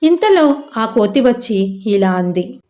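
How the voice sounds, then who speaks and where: A woman narrating a children's moral story in a lively, expressive storybook style. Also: a little high, slow pace.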